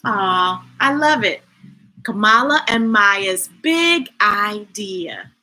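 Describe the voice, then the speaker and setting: A woman's voice: mid-range voice, lively intonation, drawn-out words, sharp tone. A woman reading picture books aloud to children, enthusiastic and chatty. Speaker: children's story reader. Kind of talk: storytime read-aloud.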